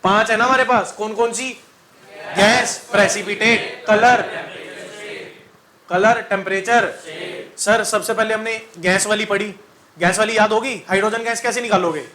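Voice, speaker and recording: A man's voice: high voice, steady tone, normal speed, pauses often, pushed and bright. A man teaching chemistry to a class, quizzing students in a call-and-response style, joking and singing mnemonics.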